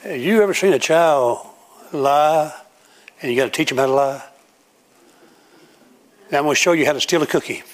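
Folksy preacher. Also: male voice, on the high side, normal speed, long pauses. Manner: folksy storytelling, acting out everyday scenes. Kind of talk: sermon. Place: church room with a congregation.

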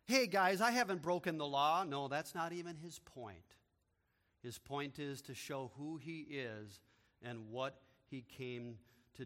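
Pastor guy preaching, bright kinda high voice, big echoey church hall, gets loud and punchy at the peaks. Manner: swings from quiet explaining to loud proclaiming. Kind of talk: expository sermon. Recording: long reverb of a large hall.

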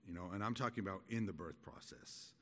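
A middle-aged man giving an expository Bible study in a halting, conversational, explanatory manner. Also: sits low, slight background noise. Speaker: Bible teacher. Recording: echoey hall with long reverb.

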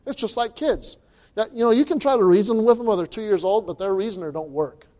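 A man with a high, mellow voice speaks at a quick pace. He's a pastor delivering an informal sermon, emphatic and folksy, using colloquial wording while repeating phrases and restarting sentences.

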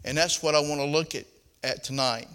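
A man's voice: fairly high pitch, a little fast, a bit bright, clean tone. An older man with a Southern accent preaching a sermon in a folksy style, reading scripture and rising into emphatic points. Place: church platform, roomy.

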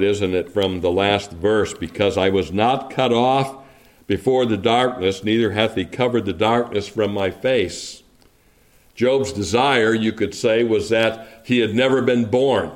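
A man preaching a sermon, reading scripture aloud and then explaining it in a measured, reflective way with rhetorical asides to the congregation. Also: fairly low pitch.

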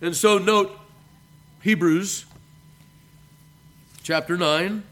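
A man, a pastor, preaching a measured sermon and reading scripture aloud. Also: sits high, fairly bright tone. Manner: addresses listeners as beloved.

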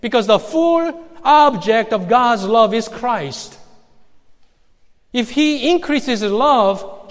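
A man preaching a sermon, emphatic, reading scripture slowly and pointedly. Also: sits high, in a large hall.

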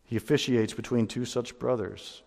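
Male pastor preaching, emphatic and mellow, church hall echo. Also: medium pitch, steady tone, moderate pace, gravelly. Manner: emphatic, rising to loud peaks. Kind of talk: sermon. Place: church sanctuary.

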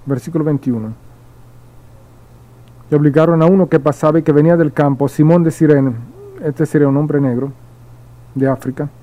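Male pastor preaching, slightly high and mellow, repeats key words, restarts now and then. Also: steady tone, moderate pace, pauses often, low-quality recording. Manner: reads verses aloud, then explains them with repeated emphasis; slips and restarts at times. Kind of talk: midweek sermon with Bible reading.

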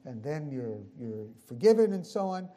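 A man's voice: a little high, sing-song, moderate pace, dark tone. A man voicing an argumentative, dismissive male rabbi in a story.

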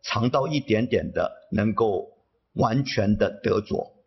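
A man interpreting a sermon phrase by phrase, somewhat halting. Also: on the low side, creaky, husky, dull audio.

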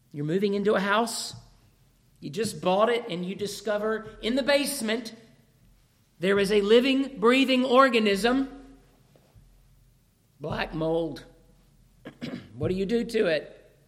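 A man with a high voice preaches a sermon through a scripture passage. He's losing his voice, yet keeps a measured manner and asks rhetorical questions.

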